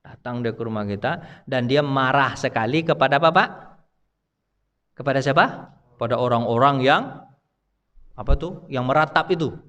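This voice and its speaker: A man's voice: medium pitch, moderate pace, long pauses, fairly bright tone. A male preacher giving a mosque sermon, often putting questions to the congregation. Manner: keeps asking the congregation questions. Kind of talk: mosque sermon, Islamic study class. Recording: long reverb of a mosque hall.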